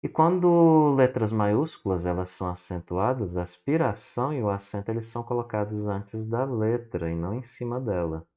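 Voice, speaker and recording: A man teaching from slides who explains slowly, checks in with "né?" and spells words out one syllable at a time. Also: on the low side, lively intonation. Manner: explains slowly and often adds "né?". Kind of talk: slide lesson. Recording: dull lo-fi recording.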